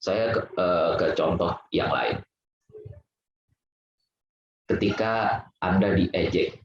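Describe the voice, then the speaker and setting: A man's voice: sits low, slight background noise. A man giving a casual Buddhist Sunday sermon in a temple hall, chatty and conversational, often laughing at his own jokes. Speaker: Buddhist Dhamma speaker. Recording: very echoey, dull lo-fi hall recording.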